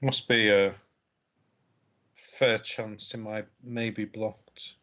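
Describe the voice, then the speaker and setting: A man co-commentating a live game, measured and reflective as he chimes in on plays. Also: on the low side, fairly even intonation, bright, forceful tone, lo-fi sound.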